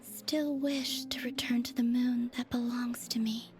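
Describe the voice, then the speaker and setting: A woman voicing a mysterious moon deity who speaks in a measured, soft, often whispery way. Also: fairly high pitch, steady tone, close to an everyday voice. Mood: pensive.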